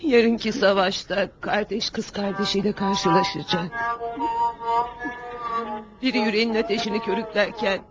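A woman's voice: mid-range voice, fairly even intonation, moderate pace, long pauses, lightly acted. An actress voicing a grieving older woman, a mother and aunt, lamenting in a dubbed period drama. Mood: mournful. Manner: mournful, lamenting. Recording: dull lo-fi audio with music behind.

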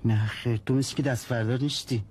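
An actor playing a brooding husband, a former gambler, who answers in short, sullen replies in a broadcast drama. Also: male voice, mid-range voice, steady tone, slight background noise, close to an everyday voice. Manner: curt, sullen, then shouting.

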